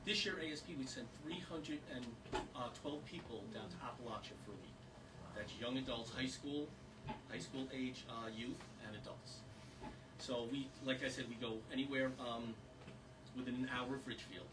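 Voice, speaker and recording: A small audience in a historic house meeting room hears a volunteer speak earnestly at a moderate pace, his medium-pitched voice wandering through rambling fillers. The informal talk is captured by a distant mic with background noise.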